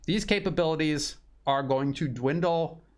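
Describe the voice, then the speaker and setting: A man delivering solo news commentary, reading out articles and stressing points in a measured, emphatic way, sometimes repeating words. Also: fairly high pitch. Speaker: political commentator.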